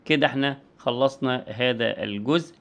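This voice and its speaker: A man's voice: medium pitch, moderate pace, vocal fry, muffled recording. A man with an Egyptian Arabic accent giving an online lecture and demonstrating speech sounds as he explains.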